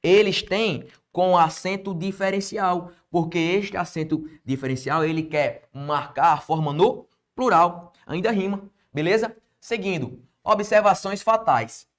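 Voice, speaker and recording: A man's voice: high-pitched, unhurried, few pauses. Emphatic Brazilian man teaching grammar. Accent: Brazilian Portuguese. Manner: emphatic, quizzing the viewer with rhetorical questions. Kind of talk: exam-prep grammar lesson.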